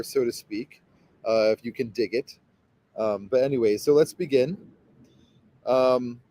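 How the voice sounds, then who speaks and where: A man's voice: mid-range voice, warm tone, a little hiss or hum. A man leading a guided meditation as a spiritual guide, talking in a rambling, hesitant way full of fillers and restarts.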